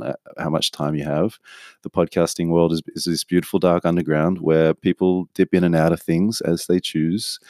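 Low-voiced man rambling candidly. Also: darkish tone, dry recording, studio quality. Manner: rambling, candid, self-interrupting with restarts. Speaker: podcast host. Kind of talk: casual solo podcast monologue.

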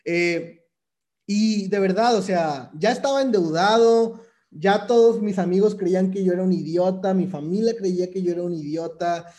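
Mellow high-voiced Mexican man, emphatic. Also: moderate pace. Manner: casual, slangy, emphatic with repetition. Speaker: motivational speaker. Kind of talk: motivational monologue.

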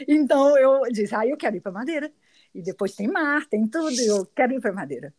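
A middle-aged Brazilian woman with a Brazilian Portuguese accent, a guest telling her story in a casual interview, chatty and quick to laugh. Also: on the high side, sing-song, darkish tone. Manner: chatty, laughs often, restarts sentences.

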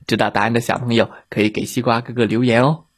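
A man narrating a children's story in a gentle, drawn-out storytelling manner. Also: medium pitch, little pitch movement.

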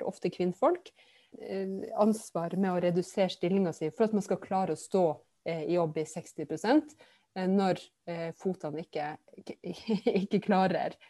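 A woman politician answering questions in a casual interview over a video call, pausing often with filler sounds. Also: medium pitch, dark tone, dry recording, studio quality. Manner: hesitant, many filler sounds. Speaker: politician, podcast guest.

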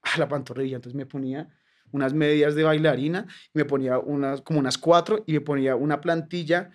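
A man's voice: fairly high pitch, fairly even intonation, brisk, a little mellow. A young Colombian man with a Colombian accent, a comedian telling stories in casual podcast chat, slangy and profane. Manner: slangy, profane, laughing storyteller. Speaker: comedian guest.

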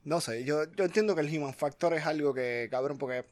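A man's voice: a little high, a little fast, darkish tone. A man, casually chatting as a podcast co-host, thinking aloud with restarts and mixing in English words. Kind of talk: casual chat.

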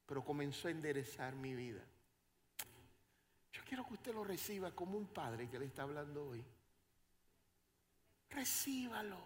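A male pastor preaching a sermon in church, swinging between quiet passages and loud dramatic exclamations. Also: on the high side, very animated, moderate pace, pauses often, a little hiss or hum.

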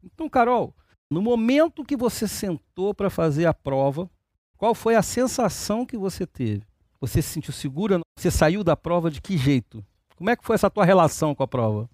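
Man, interview host, fairly high voice, dry sound. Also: very animated, normal speed, a little mellow, no echo. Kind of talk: interview questions.

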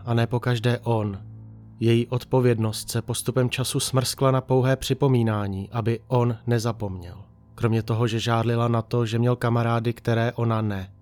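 A man calmly reading a dark story aloud as narrator, in an even storytelling manner. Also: medium pitch.

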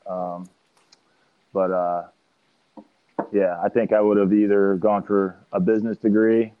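A man's voice: lowish voice, level tone, a little slow, clean tone, phone-quality sound. A man in his forties as an interview guest, talking in an easygoing, loose way. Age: 40s. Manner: easygoing, loose, laughs often. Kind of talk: casual interview chat.

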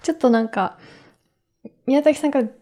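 A woman's voice: high voice, normal speed, dark tone. A woman hosting a podcast in casual chat, speaking politely but loosely. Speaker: podcast host.

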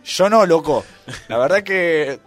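A joking man with an Argentine accent tells stories as a guest on a radio show. His voice sits a little high and swings widely up and down. Faint music runs under it. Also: takes it slowly. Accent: Argentine Spanish. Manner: joking, animated storyteller. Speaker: guest, volleyball player and YouTuber. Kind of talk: casual radio interview.

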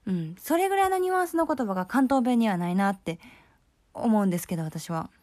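A woman's voice: mid-range voice, animated, fast talker, darkish tone, no echo, studio quality. A young woman with a Kansai accent hosting a casual solo talk show in a chatty, friendly way and laughing easily. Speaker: host.

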